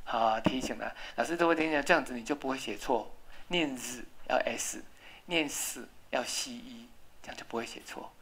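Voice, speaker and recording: A woman's voice: a bass voice, normal speed, slightly rough. A woman English teacher, leading a classroom lesson and patiently drilling spelling and pronunciation.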